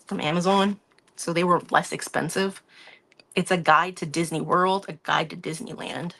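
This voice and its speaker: Chatty woman crafting live, lowish voice. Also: gravelly, a bit bright. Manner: chatty, rambling, talks through her hands-on work. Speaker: craft live-stream host. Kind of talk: casual chat while crafting.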